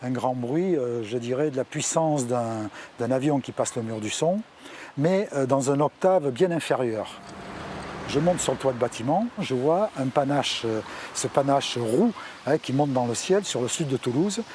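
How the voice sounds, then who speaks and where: A male fire officer recounts what he witnessed in a mid-range voice. His phrasing is halting, with words repeated as he goes. Faint ambient vehicle noise sits behind him. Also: mid-range voice, expressive, darkish tone. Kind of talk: recounting a testimony.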